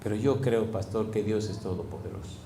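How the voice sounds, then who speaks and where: A man voicing a worried middle-aged father who asks a pastor for help, speaking low and quiet. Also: fairly quick, roomy sound, background noise, lightly acted. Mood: pleading.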